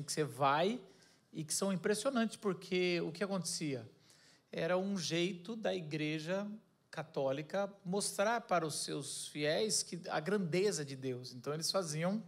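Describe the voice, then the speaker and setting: Chatty, joking man preaching a sermon. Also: fairly high pitch. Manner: chatty, jokey, self-correcting. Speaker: pastor. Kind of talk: casual sermon with banter.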